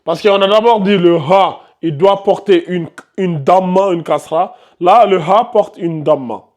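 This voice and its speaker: Brief: high-pitched male teacher in a classroom, quizzes students, repeats terms. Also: unhurried, darkish tone. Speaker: Quran recitation teacher. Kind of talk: live classroom tajwid lesson.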